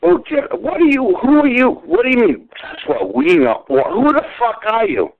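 A furious man in his forties shouts and swears down a tinny phone line, his fairly high voice swinging widely as he repeats himself. He sounds like a heated call picked up through a cheap receiver. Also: sing-song, moderate pace, vocal fry. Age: 40s. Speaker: call recipient.

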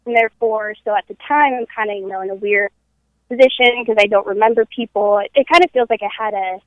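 A woman's voice: mid-range voice, fast talker, no room sound. A woman in her twenties speaking as a podcast guest over a conference call phone line, upbeat and candid. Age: 20s. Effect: heard over a conference call phone line. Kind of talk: casual interview talk. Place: at her parents' house. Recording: tinny phone line, dry.

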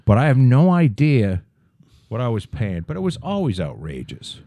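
A man's voice: medium pitch, wildly swooping pitch, moderate pace, mellow, dry recording, studio quality. A man in his fifties co-hosting a podcast in casual chat, rambling and swearing as he goes. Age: 50s. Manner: profane, rambling, trailing off. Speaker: podcast co-host.

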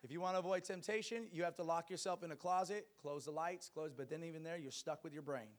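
A man's voice: fairly high pitch, quick pace. A man preaching a sermon to a congregation, exhorting them emphatically with rhetorical questions and repeated phrases.

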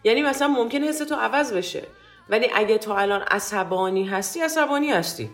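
Woman co-host, casual chat, animated, plays out lines she quotes, faint music under her. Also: on the high side. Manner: animated, acts out quoted lines, laughs easily. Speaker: podcast co-host.

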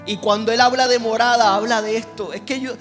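A man's voice: very high-pitched, steady tone, a little fast, fairly bright tone, faint music behind. A man preaching a sermon with impassioned, rhythmic repetition that swells into near-singing.

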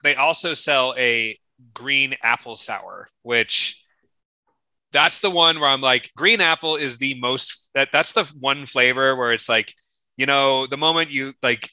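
A man's voice: mid-range voice, unhurried, sharp tone, clean tone, no room sound, rough recording. A man chatting casually with friends as co-host of a tasting show, rambling along with slang and swearing. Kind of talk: casual chat among friends.

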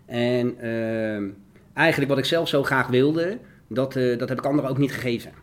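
A man from the Netherlands giving an emotional, fervent testimony as an interview guest. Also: mid-range voice. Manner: earnest, fervent, fast and repetitive.

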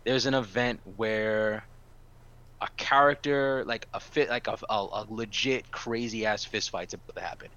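A man co-hosts a casual podcast and tells his stories with animated energy and a lot of swearing. His voice is low-set and sharp, with a bright, tense edge. The audio sounds dull and lo-fi. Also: moderate pace. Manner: animated storyteller, swears freely. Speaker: podcast co-host.

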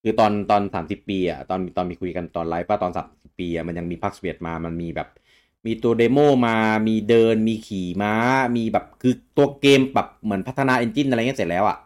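A young man co-hosting a casual gaming news talk show, getting animated and loud when excited. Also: lowish voice, a little fast. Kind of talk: casual chat.

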